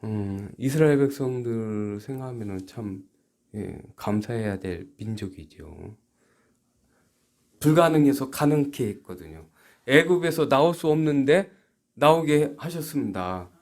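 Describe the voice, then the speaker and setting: This sermon comes from a South Korean pastor whose mid-range voice is expressive. His halting delivery moves back and forth between hushed side remarks and emphatic questions posed to the congregation.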